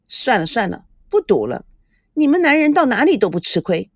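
Woman doing a playful teasing young lady in a storybook, bright bouncy voice. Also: a little high, very animated, normal speed, no echo, studio quality.

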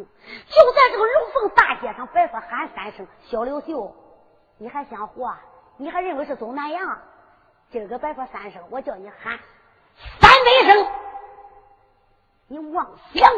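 A woman's voice: high voice, pushed and bright, in a large hall, lo-fi sound, exaggerated voice. A woman with a Henan accent voicing an arrogant male general who scornfully mocks his prisoner in a folk storytelling performance. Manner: scornful, boastful.

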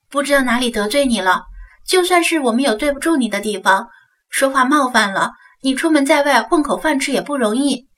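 A woman's voice: high-pitched, sharp tone, far from the mic, pitched above the performer's own voice. A woman voicing a young female street scammer who pleads in an ingratiating, wheedling way, in an audiobook. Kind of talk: audiobook character voice.

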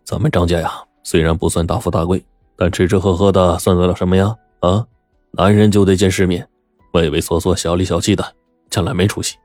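A man's voice: sits low, flat delivery, a little fast, darkish tone, no room sound, soft background music, close to an everyday voice. A man playing a blustering rich old squire. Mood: lecturing. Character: indulgent wealthy old squire, hot-tempered. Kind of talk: storytelling.

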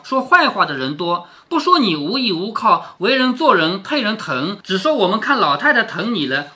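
A man's voice: high-pitched, bright, forceful tone. A man reading a classic novel aloud to his daughter, retelling it in casual words and often asking her questions. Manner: chatty, asks the listener questions. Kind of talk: casual storytelling with explanations.

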